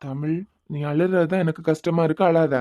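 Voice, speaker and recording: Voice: mid-range voice, steady tone, warm tone, no room sound, natural voice. A voice actor playing a bewildered young husband in a cartoon, pleading with his crying wife. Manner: confused, pleading, quick-talking.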